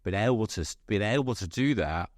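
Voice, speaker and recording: A man's voice: on the low side, animated, brisk, no echo, studio quality. A middle-aged man hosting a podcast, talking enthusiastically and rambling with many restarts. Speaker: podcast host. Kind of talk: casual interview chat.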